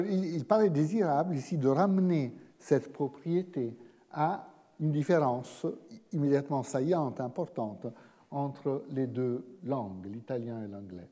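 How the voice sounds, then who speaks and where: A man giving an academic seminar lecture in a measured way, pausing often and restarting his phrases. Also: medium pitch, dark tone, slightly rough. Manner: measured, frequent hesitations and restarts. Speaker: guest lecturer. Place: lecture hall. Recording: long reverb of a lecture hall.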